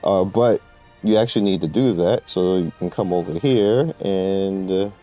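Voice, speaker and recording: Soft music plays behind a gamer whose deep, mellow voice moves at a moderate pace. He's guiding viewers through a game in loose, slangy commentary that rambles as he explains.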